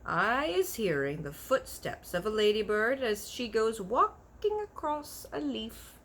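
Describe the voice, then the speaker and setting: A woman voices a kindly, big-eared storybook giant who is earnest, proud and easily offended, using folksy broken grammar and made-up words. Pitched above her natural voice and heavily acted, the delivery is a little high and unhurried, with big pitch swings and a fairly bright tone, full of wonder and earnestness. This animated children's character voice carries a little hiss or hum.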